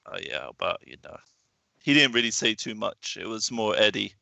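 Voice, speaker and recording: A man's voice: lowish voice, sing-song, normal speed, creaky, pushed and bright, dry recording. A man co-hosting a trading livestream from home, talking trades with dry teasing humor. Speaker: trading stream co-host. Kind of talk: casual livestream banter.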